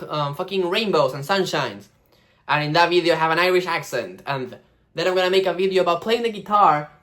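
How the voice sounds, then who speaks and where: A young vlogger gives casual, animated advice on starting a vlog channel, swearing freely and acting out the algorithm in silly voices. His voice is a little high.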